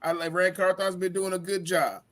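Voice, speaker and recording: A man's voice: high-pitched, level tone, moderate pace, a bit bright. A man co-hosting a sports podcast, ranting with profanity and stammering restarts. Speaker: podcast co-host. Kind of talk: heated sports talk.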